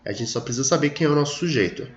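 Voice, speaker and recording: A man's voice: medium pitch, lively intonation, racing. A man teaching an English grammar lesson, explaining patiently, stretching his example sentences and checking in with his students. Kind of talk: screen-recorded grammar lesson. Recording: echoey room, dull lo-fi audio.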